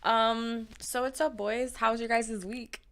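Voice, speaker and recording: A young woman hosts a laid-back podcast, giggling often as she chats. Her voice is bright and crisp, and it comes through clean and smooth. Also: fairly high pitch, steady tone, slow pace. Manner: giggly, bubbly, laughs between phrases. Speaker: podcast host. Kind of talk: casual podcast chat.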